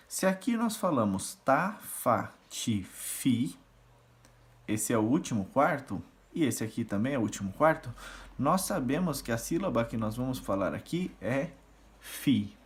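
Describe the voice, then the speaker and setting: A man teaching rhythm reading and solfège, patiently explaining and counting syllables aloud as he conducts the beat. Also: medium pitch. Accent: Brazilian Portuguese. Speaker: music teacher.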